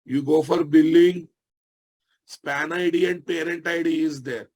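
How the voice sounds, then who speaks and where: His voice slightly high and his intonation fairly even, a software instructor with an Indian Telugu accent moves at a measured pace through a live technical lesson. Each phrase gets repeated, and he checks that the audience follows.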